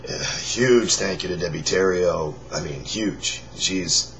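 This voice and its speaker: A tired man who has lost his voice, forcing out a raspy, whispery croak in halting, rambling casual chat to his viewers. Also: low-pitched, a bit bright. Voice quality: raspy, breathy whisper-like hoarseness. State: lost voice, forcing air through a strained throat. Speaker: singer in a band, vlogger. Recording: dull lo-fi sound with faint noise.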